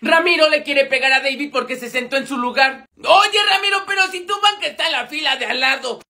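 A young man with a Mexican accent acting out school comedy skits in an exaggerated, animated way, with an artificially high-pitched voice. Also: a little fast, creaky. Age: young adult. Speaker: comedy skit creator playing all characters. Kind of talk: acted school comedy skit storytime.

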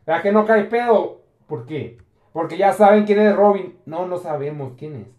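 A sly, greedy removal man, as a man puts him on drawls his demands in Mexican slang. The voice sits mid-high in a roomy home recording. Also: moderate pace, a little mellow, natural voice. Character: greedy male removal man, blackmailing, crude.

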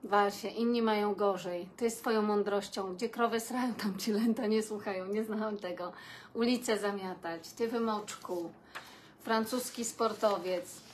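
Unhurried and steady, a medium-pitched woman chats directly to her live stream audience, reading out comments and reacting to them. She warmly calls her viewers "kochani," laughing and sighing along the way, with a faint background noise beneath.

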